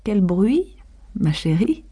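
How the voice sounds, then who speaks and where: A woman voicing a timid, placating husband in a storybook reading, speaking softly and hesitantly. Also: a little high, sing-song, a little slow, creaky, breathy edge, pitched above the performer's own voice, heavily acted. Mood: meek.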